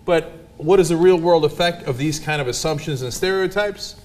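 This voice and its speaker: A man hosting an opinionated panel talk. His voice sits a little high for a man, and he drives his points home with punchy emphasis and rhetorical questions. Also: moderate pace, a little mellow. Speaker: host.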